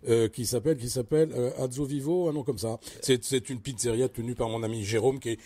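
A radio host man with a mellow, warm tone and a slightly husky edge. He talks in an effusive, joking way and heaps praise on his guest. The whole exchange has the easy feel of a chatty radio interview. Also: medium pitch, fairly even intonation, brisk.

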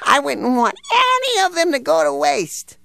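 A woman voicing an eager, polite young male dog in a cartoon, with a gravelly, earnest voice that turns whiny when upset. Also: high voice, very animated, normal speed, a bit bright, no room sound, heavily acted. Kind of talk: cartoon voice acting. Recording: music underneath.

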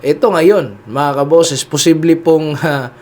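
Brief: male political commentary host, fairly high voice, conversational, keeps checking in with listeners. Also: slow pace, darkish tone. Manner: keeps addressing listeners, heavy "no?" and "di ba?" tags.

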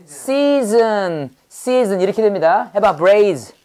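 With a warm, medium-pitched voice and lively intonation, a woman leads a brisk English vocabulary drill built on call and response. She shoots out quick questions and repeats each word over and over.

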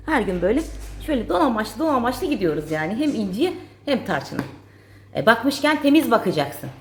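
With a slightly high voice and a bit of hiss or hum in the audio, a woman from Turkey cleans the house and tends the garden on camera. Along the way she casually talks to the people watching, to her pets and to her plants.

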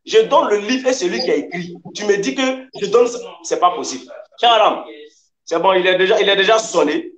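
A man's voice: high voice, brisk, crowd noise. A man debating heatedly, combative and emphatic, hammering his points by repeating them. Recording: echoey room sound.

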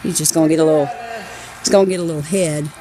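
A woman with a low-sitting, fairly even voice talks very fast while recording her husband on a phone in a snowy yard, giggling affectionately through the casual home video narration. Crowd noise and poor audio quality run throughout.

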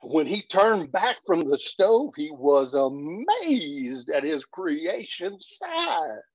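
Cowboy storyteller, male, sixties, slow folksy drawl, recorded in an echoey room on a webcam. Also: fairly high pitch, big pitch swings, husky. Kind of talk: reciting humorous cowboy poetry to an online audience. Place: small curtained room at home, indoors. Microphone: video call, computer at arm's length. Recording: dull, echoey webcam audio.

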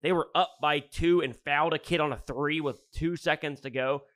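A man talks sports in a loose podcast chat, his voice sitting a touch higher than most. He is blunt and profane, rattling off opinions and stories with animation. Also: steady tone, moderate pace, fairly bright tone, no room sound, clean studio sound. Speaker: podcast co-host.

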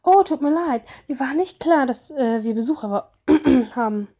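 A flustered young houseman gushing over a star, read aloud by a woman, pitched up and eager. The tone stays soft and mellow. He trips over his words in excitement. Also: normal speed. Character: excitable young male housekeeper, starstruck fan.

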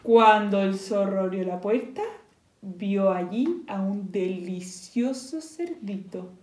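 A woman teacher reading a children's story aloud, pausing to ask the children questions in soft whispered asides. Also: medium pitch. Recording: echoey room.

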